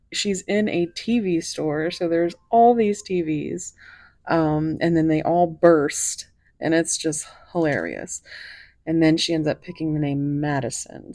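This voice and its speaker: A woman's voice: deep voice, darkish tone, dry recording. A woman giving a casual tarot reading, musing aloud and slipping into whispers as she lays out cards. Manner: slow, musing, drifts into whispers while pulling cards. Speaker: tarot reader.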